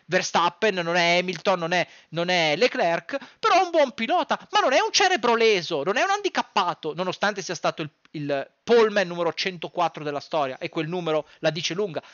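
A sports content creator in a small, dim room at home delivers heated, exasperated, foul-mouthed commentary to camera, hammering points home by repeating phrases. His high voice is very animated, a bit bright, and fairly quick with few pauses. There's no room sound, and the highs are cut off.

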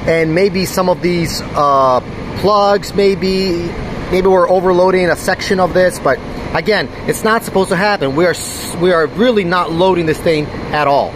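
In this casual hands-on walkthrough, a mining farm operator films one-handed on a phone while moving through a large, fan-filled server room. He speaks in a high-pitched voice at a moderate pace, thinking aloud about hardware problems as he checks machines. Loud fan and air conditioning noise fills the recording.

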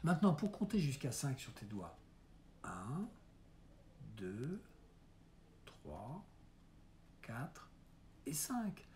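A man voicing an aging theatre mime giving his son final advice, earnest and coaxing in a dramatic monologue reading. He speaks slowly in an unhurried, measured way. The tone is warm and mellow, and he often drops into soft, hushed asides. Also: medium pitch, sing-song, a little hiss or hum. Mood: coaxing mentor.

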